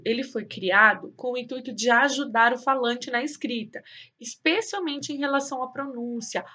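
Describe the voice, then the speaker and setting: A woman with a Brazilian Portuguese accent, teaching a cheerful remote class and saying example words slowly and loudly. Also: a little high. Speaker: schoolteacher.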